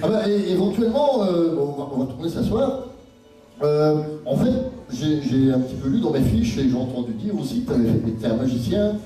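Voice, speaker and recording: A man's voice: a little high, expressive, a little fast, mellow, faint music behind. A man hosting a live stage interview, bantering and hesitating often. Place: large indoor show hall. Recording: very echoey hall, distant mic, audience noise. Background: audience.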